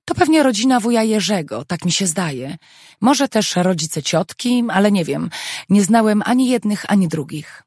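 A reader voicing an earnest young man, husky. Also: medium pitch, lively intonation, darkish tone, no room sound, studio quality, pitched above the performer's own voice. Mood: explaining. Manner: hurried, eager. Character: young man, student-to-be, earnest and a bit defensive. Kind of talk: audiobook dialogue.

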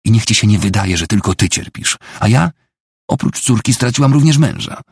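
A grieving wife at the end of her rope, read by a man, her lines pushed higher and louder than the narration. The voice keeps a gravelly, husky grain under the strain. The recording is close and dry, like a storybook audiobook. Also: expressive, a little fast, no room sound, heavily acted. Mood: desperate. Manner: pleading, raised and shouting. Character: desperate grieving wife, middle-aged woman.

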